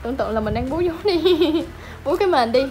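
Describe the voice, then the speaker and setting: A woman's voice: sits high, expressive, quick pace, a little mellow, slight background noise. A woman, chatting casually at home to viewers and fussing over her puppies in a doting voice. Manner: doting, chatty, talks baby talk to puppies. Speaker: pet vlogger. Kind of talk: casual vlog narration.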